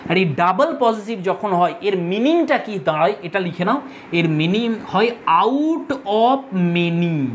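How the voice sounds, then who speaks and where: A woman teaches a grammar lesson in a patient, step-by-step way, going over each rule again for her students. Her voice sits at an ordinary middle pitch. A faint hiss of background noise runs under the recording. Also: lively intonation, slow. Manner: patient, repeats rules step by step.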